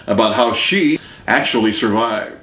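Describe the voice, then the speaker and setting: A man's voice: lowish voice, unhurried, fairly bright tone, slight background noise. A man giving a formal spoken introduction of a speaker at a talk. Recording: echoey room.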